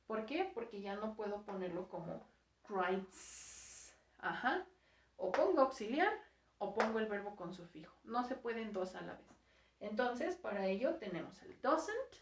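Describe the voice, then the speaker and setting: A woman teaching an English grammar lesson, explaining step by step and often filling pauses with "ajá". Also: fairly high pitch. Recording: echoey room, dull lo-fi sound.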